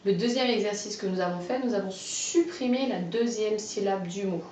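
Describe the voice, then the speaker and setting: A woman guiding a child through a phonology lesson, giving clearly pronounced words one at a time and encouraging replies. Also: mid-range voice, darkish tone, recorded from a distance, a little hiss or hum. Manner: slow, carefully articulated, encouraging. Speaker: teacher of a phonology exercise. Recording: dull, roomy, off-mic sound.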